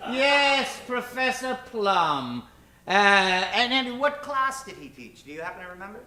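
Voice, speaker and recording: Here the comedy show host's high voice turns sing-song and sharp, and he takes his time. Hosting the live improv show, he plays to the audience in a mock-formal, theatrical way reminiscent of old-time radio. The theater stage recording echoes, and a faint hiss sits underneath.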